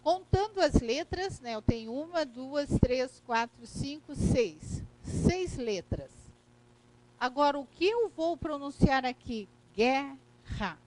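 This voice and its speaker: A woman's voice: high voice, lively intonation, slow, a little mellow, low-quality recording. A woman with a Brazilian Portuguese accent teaching a recorded grammar lesson, explaining step by step and checking in with "né?" and "correto?".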